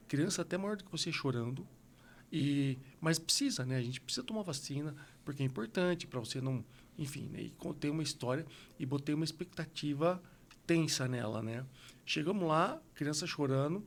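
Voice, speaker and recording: A man with a Brazilian Portuguese accent hosting a podcast conversation, telling stories in an animated way and acting out quotes. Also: fairly high pitch, a little hiss or hum. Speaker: podcast host.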